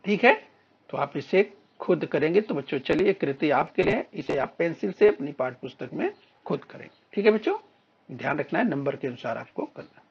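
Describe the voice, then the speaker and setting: A man teaching a recorded lesson to young children, reading words slowly and clearly for them to repeat. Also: fairly high pitch, animated, highs cut off. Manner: slow, drawn-out word-by-word reading for children to repeat. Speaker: primary school teacher.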